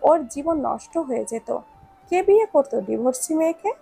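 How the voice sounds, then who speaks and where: A chatty, teasing young man pesters his friend with questions, as voiced by a woman narrator. The voice sits very high and has a gravelly grain. Faint music runs underneath. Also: expressive, moderate pace, mellow.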